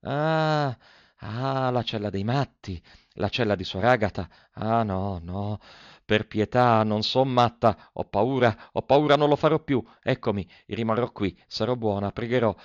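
A man's voice: medium pitch, a little slow, vocal fry, no room sound, highs cut off. A man voicing a frightened young novice nun who is losing her mind, reading her diary in a pleading, feverish way with repeated cries. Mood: terrified, frantic. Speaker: audiobook reader.

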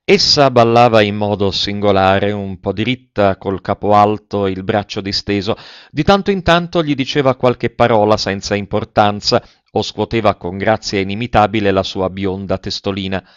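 A man reading a classic novel aloud in a measured, literary manner. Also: on the low side, clear, resonant tone, no room sound, muffled recording. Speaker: narrator.

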